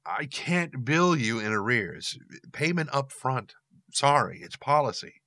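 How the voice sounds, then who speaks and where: A theatrical male demon booms his titles, then turns awkward and sheepish, as a man puts him on. His voice is bright and clear in a dry, close space. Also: lively intonation, unhurried, no echo. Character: pompous, flustered male demon archduke.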